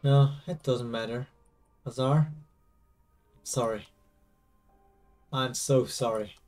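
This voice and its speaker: A man reading aloud as a quiet, troubled young woman in a game, subdued and hesitant, over faint music. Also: medium pitch, fairly even intonation, slow pace, distant mic, close to an everyday voice. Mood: somber.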